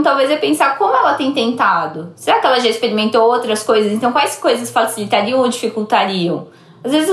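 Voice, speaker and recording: A Brazilian woman with a fairly high voice, recorded in an echoey space. She explains things conversationally and reflectively, working through examples as a guest on a talk podcast. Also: fairly bright tone. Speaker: podcast guest giving advice. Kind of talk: casual explanatory chat. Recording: roomy, echoey sound.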